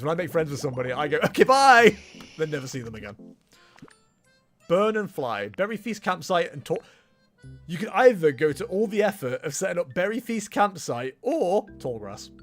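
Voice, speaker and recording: A man chatting casually and commenting on a video game in a jokey, rambling way. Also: on the high side.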